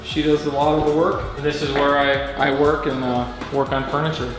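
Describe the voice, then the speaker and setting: A man's voice: a little high, level tone, moderate pace. A middle-aged man, a homeowner and furniture maker, explaining things casually in a plain, folksy way. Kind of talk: casual, unscripted house tour explanation. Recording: roomy echo, background music. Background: music.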